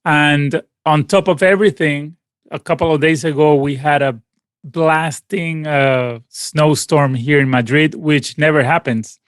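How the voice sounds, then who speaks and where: A fairly high-pitched, smooth voice with a steady tone and a slightly slow pace, with no room sound, belongs to a Venezuelan man in his late forties. This guest musician, a native Spanish speaker, rambles casually through a call interview with many restarts and fillers.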